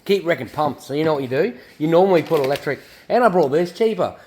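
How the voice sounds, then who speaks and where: A man's voice: on the high side, expressive, quick pace, a little mellow, rough recording. An Australian man vlogging casually from his garage workshop as he preps his drift car, rambling and swearing as he talks. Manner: rambling and profane, laid-back storytelling. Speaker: car builder and drift driver.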